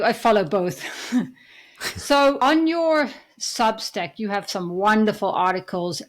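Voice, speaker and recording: Female podcast host from Zimbabwe, medium pitch, friendly conversational interviewer. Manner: conversational, agreeable. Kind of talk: interview questions and comments.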